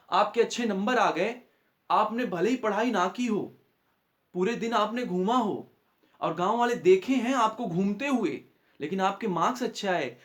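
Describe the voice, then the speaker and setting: Earnest high-voiced man giving a pep talk. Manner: earnest, acts out neighbours' taunts and warnings. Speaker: maths teacher giving a motivational talk. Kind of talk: motivational talk to students.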